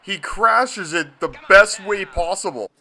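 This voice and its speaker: A man's voice: high-pitched, slow, heavy background noise. A man giving a comedic movie review, gushing and swearing often. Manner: profane, excitable and gushing.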